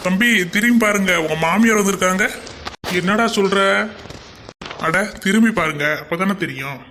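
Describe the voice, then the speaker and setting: A man's voice: sits high, normal speed, pushed and bright, slight background noise. A man doing joshing cartoon college guys. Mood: ribbing. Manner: joshing, ribbing. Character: teasing young college guys, a pair of friends.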